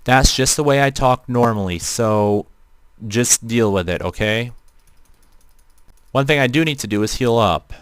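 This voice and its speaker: A man's voice: medium pitch, unhurried, pauses often, smooth, no echo. A man with a robotic, metallic-sounding voice, giving rambling commentary on his own gameplay during a live stream and often restarting his sentences. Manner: rambling, many fillers and restarts.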